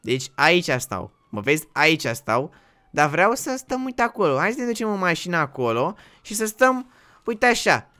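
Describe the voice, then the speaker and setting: A man playing in a game roleplay, pleading in a panic and shouting the same pleas again and again. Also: fairly high pitch, very animated. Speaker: roleplay streamer. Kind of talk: casual game roleplay chat.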